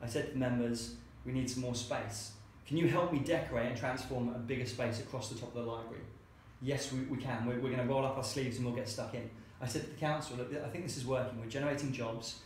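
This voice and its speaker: Speaking at a quick pace with hardly any pauses, this man has a medium pitch, fairly even intonation, and a darkish tone. He's the founder of a co-working space, telling stories in a chatty interview and acting out quoted dialogue, recorded in a very echoey room with faint hiss.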